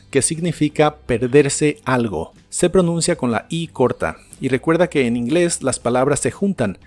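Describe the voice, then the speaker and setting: Slow, careful male English teacher. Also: medium pitch, a little mellow. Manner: slow, careful drills, repeats English words twice. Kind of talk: scripted lesson narration.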